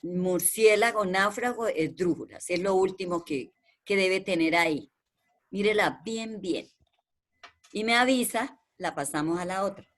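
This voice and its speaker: A woman's voice: mid-range voice, unhurried. A woman teaching a primary school class over a video call. She speaks patiently and repeats the key terms so her pupils remember them.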